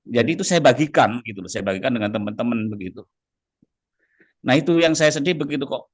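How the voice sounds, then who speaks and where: A man recounts an experience in a rambling, heartfelt way. He keeps circling back with small filler tags. His mid-pitched voice is recorded dry and close, with no room around it. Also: animated, fast talker, dry recording. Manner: earnest, rambling, repeats words with filler tags like "gitu loh, Pak". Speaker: participant sharing a personal story. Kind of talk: casual heartfelt testimony in a group call.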